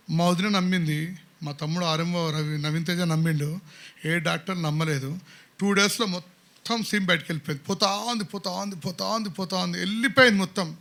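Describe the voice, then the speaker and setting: A man's voice: high-pitched, bright, forceful tone. A middle-aged man giving a church testimony, telling his story earnestly, acting out the dialogue and repeating phrases.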